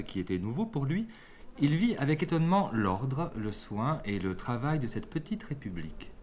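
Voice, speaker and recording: A man reading old fables aloud in a measured storytelling voice. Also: medium pitch, a little mellow, slight background noise. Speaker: reader.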